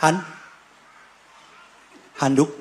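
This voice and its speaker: A male pastor, preaching an animated sermon that swings between loud bursts and quiet asides. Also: very slow, background noise. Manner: animated, shifts pitch and loudness, acts out quotes with shouts. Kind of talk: lively sermon. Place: church.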